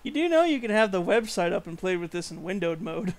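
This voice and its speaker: A young man with a high, light voice talks through a game session in loose, joking commentary. He chats freely and laughs often, hosting with easy banter. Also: sing-song, a little fast. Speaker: channel host. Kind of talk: gameplay commentary.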